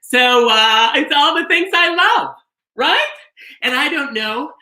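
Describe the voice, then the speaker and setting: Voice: sits high, expressive, slow, pushed and bright, exaggerated voice. A performer playing a campy, gushing beauty-queen bingo hostess from Minnesota, with theatrical comic delivery in a bingo caller style. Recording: roomy echo, music behind.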